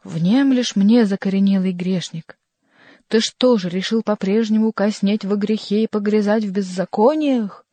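A woman voicing a mysterious accusing voice from above, slow and grave, reading a storybook. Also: mid-range voice, dark tone, no echo, natural voice.

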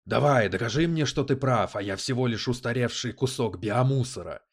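A man voicing a brash male police detective who talks in crude slang, loud and sarcastic. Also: mid-range voice, moderate pace, breathy edge. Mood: cocky.

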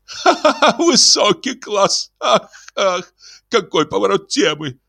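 A man's voice: a little high, big pitch swings, a little slow, a bit bright, no room sound, clean studio sound, voice pushed up, exaggerated voice. A man voicing a fawning, giddy grown man who gushes in breathless sighing exclamations in an audiobook. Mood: delighted. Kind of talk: audiobook character voice.

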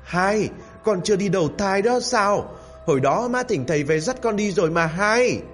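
Guy doing a crying mom yelling at a villain, high and whiny, faint music behind. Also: animated, moderate pace. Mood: wailing, accusing. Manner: crying, scolding, shrill. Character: grieving middle-aged mother, wailing and accusing.

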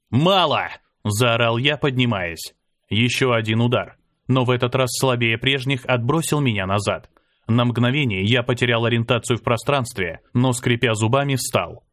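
Dry, dramatic male audiobook narrator. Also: no room sound. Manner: dramatic, lifts pitch and volume for shouted lines. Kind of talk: first-person fantasy audiobook narration.

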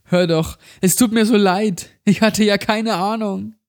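A man's voice: sits high, fairly even intonation, measured pace, voice pushed up. A man voicing the frightened protagonist of a horror story, pleading and shaken. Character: terrified adult man trapped in a nightmare.

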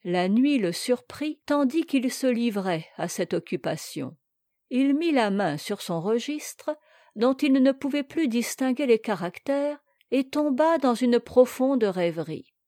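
Slow, measured woman storyteller. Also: a little high, lively intonation, warm tone, dry recording, studio quality. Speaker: audiobook narrator. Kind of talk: storybook reading.

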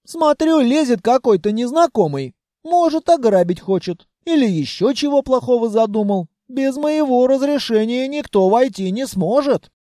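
A man's voice: very high voice, animated, moderate pace, hardly any pauses, warm tone, no echo, clean studio sound, voice pushed up. A man voicing a mischievous, possessive female spirit of a treasury vault in an audiobook. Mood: teasing. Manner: teasing, possessive.

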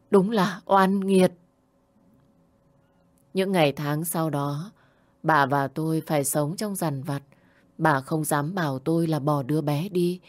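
A woman narrating a first-person story in a steady, measured way. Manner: low, steady narration, voicing the grandmother and herself in emotional dialogue.

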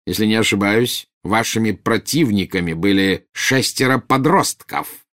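A calculating male double agent read by a man speaks in a low, silky, unhurried tone. Every reply sounds measured and quietly condescending. This storybook voice stays cool and controlled. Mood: cold, silky.

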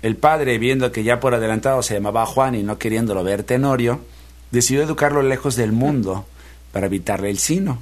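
A man reads an old folk tale aloud in a radio studio. His pitch sits in the middle, and his telling is unhurried and folksy, turned toward the listeners. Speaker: radio storyteller. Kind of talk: storytelling reading aloud.

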